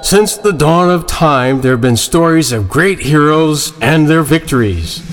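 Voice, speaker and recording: A man's voice: a little high, animated, a little slow, music in the background. A man narrating a scripted heroic fantasy tale in a dramatic storytelling style.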